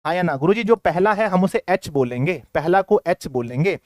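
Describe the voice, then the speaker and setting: A man teaching maths to school pupils in a lively, playful way, firing questions at the class and acting out their replies. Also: high-pitched, moderate pace, no room sound, studio quality. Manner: playful, acts out students' replies in a sing-song voice. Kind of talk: energetic classroom lesson.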